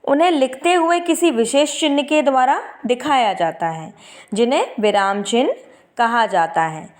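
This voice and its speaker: A woman with a fairly high voice teaches a grammar lesson to young students. She talks with an emphatic classroom cadence, keeps adding tag questions, and answers her own questions aloud. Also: expressive, moderate pace. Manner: asks the class questions and answers them herself. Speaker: Hindi teacher.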